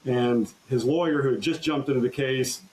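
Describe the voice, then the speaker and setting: Male trial lawyer guest, mid-pitched, earnest storyteller, halting restarts, podcast interview. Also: darkish tone, low-quality recording. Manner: earnest, halting restarts, recounts courtroom exchanges.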